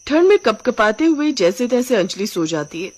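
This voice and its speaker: A woman's voice: a little high, very animated, moderate pace, darkish tone. Woman narrating a cartoon story.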